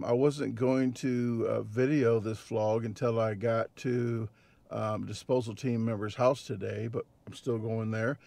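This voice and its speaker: Midwest guy, 40s, gravelly voice, vlogging from his parked car, lots of ums and restarts. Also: medium pitch, darkish tone, no echo. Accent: Midwestern American. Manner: chatty, rambling, lots of fillers and restarts. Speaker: vlogger and competitive eater. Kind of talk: casual vlog talk to camera. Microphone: camera mounted on dashboard.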